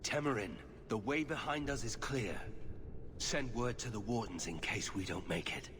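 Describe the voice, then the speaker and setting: Solemn, measured warrior played by a man. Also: lowish voice, lightly acted. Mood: solemn, resolute. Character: grave, guarded male Grey Warden warrior. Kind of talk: video game voice acting. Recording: clear background ambience noise.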